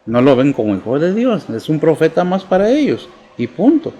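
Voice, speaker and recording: A man's voice: a little high, very animated, normal speed, dark tone, muffled recording. A male pastor, preaching and posing questions to the congregation. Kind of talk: sermon.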